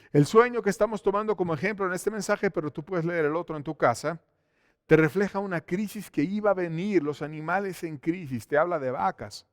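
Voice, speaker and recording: A man preaching a sermon in church, swinging between loud exclamations and hushed, intimate asides. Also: high-pitched, dry recording, clean studio sound. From Mexico. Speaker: pastor.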